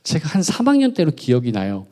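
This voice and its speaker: A pastor from Gunwi in North Gyeongsang, South Korea, preaches at a midweek church service, his somewhat high, mellow voice swooping wildly in pitch as he talks fast. He's chatty and playful, joking with the congregation and quizzing them with questions.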